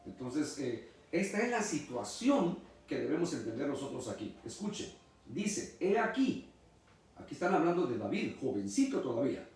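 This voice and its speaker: Middle-aged male pastor, emphatic sermon delivery, animated intonation, roomy and distant recording. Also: a little high. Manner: emphatic, preacherly. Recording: echoey room, mic far off.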